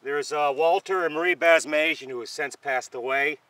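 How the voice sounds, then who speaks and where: A man's voice: fairly high pitch, normal speed, sharp tone, dry recording, low-quality recording. A middle-aged man from northern New York giving a rambling, chatty tour of an outdoor playground, filmed by a cameraman. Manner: rambling, chatty, with many fillers. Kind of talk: casual walking tour commentary. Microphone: camera held by a cameraman.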